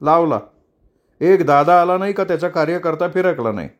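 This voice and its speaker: A man's voice: fairly high pitch, animated, normal speed, pitched above the performer's own voice, lightly acted. A man voicing an eager, deferential male contractor who pleads his case in a Marathi audiobook reading. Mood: eager pleading.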